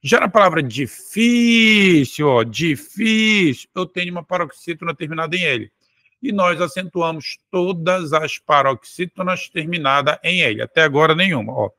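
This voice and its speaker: A man's voice: a little high, a little fast, pushed and bright, no room sound, studio quality. A man teaching Portuguese for an exam, explaining step by step and drawing words out syllable by syllable. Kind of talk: exam-prep lesson.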